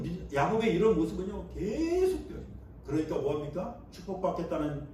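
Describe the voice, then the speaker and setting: Emphatic preaching pastor, booming echo. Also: male voice, mellow, recorded from a distance, slight background noise. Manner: emphatic preaching with rhetorical questions to the congregation. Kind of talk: sermon. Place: church sanctuary. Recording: echoey church sanctuary, voice from off-mic.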